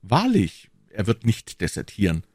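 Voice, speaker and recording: A man's voice: fairly low pitch, wildly swooping pitch, a little slow, a little mellow, husky, dry recording, heavily acted. A man voicing an anxious, hesitant king who speaks in a raised, fretful way. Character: anxious, hesitant male king, uneasy ruler.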